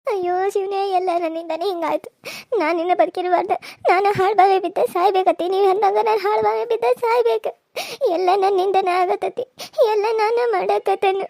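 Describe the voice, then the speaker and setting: A woman's voice: very high voice, little pitch movement, fast talker, a little mellow, no room sound, clean studio sound. A woman voicing a remorseful young wife in a cartoon serial, with a North Karnataka accent, begging forgiveness and blaming herself. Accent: North Karnataka Kannada.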